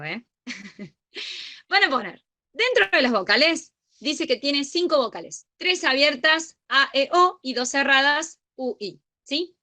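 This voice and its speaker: Young woman w rioplatense accent teaching grammar online, bright voice, keeps asking if everyone follows. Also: high-pitched. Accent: Rioplatense Spanish. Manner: patient, checks understanding with frequent "¿sí?". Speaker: study group tutor.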